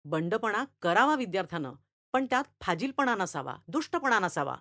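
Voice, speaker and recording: Lady reading as a cranky new male teacher telling off the class, loud and bossy, dry close sound. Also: mid-range voice, sing-song, a little fast, no echo. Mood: lecturing. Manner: scolding, lecturing, raises voice. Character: stern, irritable new male schoolteacher. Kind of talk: storytelling reading.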